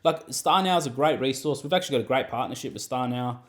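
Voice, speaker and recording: A man's voice: mid-range voice, fast talker. Rambling man giving acting advice. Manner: rambling, animated, fillers like "you know what I mean". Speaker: acting coach and podcast host. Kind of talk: casual advice chat.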